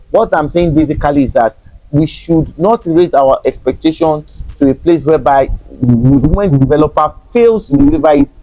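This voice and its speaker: A man's voice: mid-range voice, darkish tone, no room sound, poor audio. A Nigerian man, a real estate consultant, talking to camera in a frank, teasing way and chuckling often. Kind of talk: casual talk to camera.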